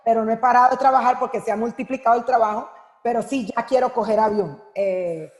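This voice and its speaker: A middle-aged woman giving an earnest, heartfelt personal testimony at an online women's conference, pausing often as she speaks. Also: on the high side, darkish tone, reverberant, in a large hall. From Colombia. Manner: earnest, heartfelt, halting with frequent pauses. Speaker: women's Bible teacher and speaker.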